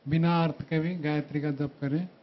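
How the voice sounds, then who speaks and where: A man with a slightly raised voice and a flat, even delivery argues his point earnestly. The recording is dull and lo-fi, with faint room noise behind him. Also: on the high side, moderate pace. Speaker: student monk.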